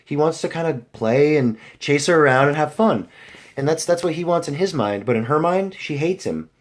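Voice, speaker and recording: A young man's fairly high, animated voice moves at normal speed. He is a vlogger chatting loosely to his viewers, rambling with frequent fillers and restarts.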